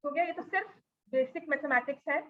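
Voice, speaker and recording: A woman's voice: high-pitched, a little fast. A woman maths teacher giving a class lesson, mixing Hindi and English and often checking that students follow. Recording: dull lo-fi recording.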